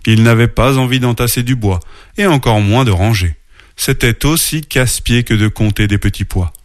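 A man narrating a children's storybook aloud in a playful, expressive read-aloud manner. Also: medium pitch, normal speed, no room sound, studio quality.

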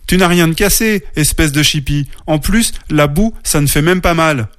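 A man's voice: on the high side, big pitch swings, moderate pace, no echo, clean studio sound, voice pushed up. A man reading a storybook aloud and voicing a mischievous little boy bear cub who teases and grumbles. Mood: grumbling. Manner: boisterous, teasing, then sheepish. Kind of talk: storybook narration.

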